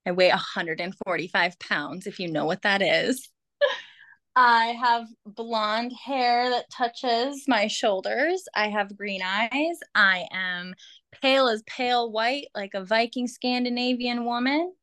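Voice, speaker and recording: A woman's voice: mid-range voice, measured pace, fairly bright tone, no room sound. A young woman with a Minnesota accent, chatting playfully as a podcast guest and laughing often.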